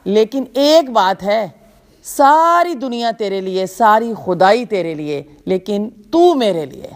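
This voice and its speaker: A woman lecturing on faith to a gathering of young women, her voice at an ordinary middle pitch. She builds her points with strings of rhetorical questions and long lists. She repeats key phrases for emphasis, as a preacher does. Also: animated. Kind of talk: Islamic lecture.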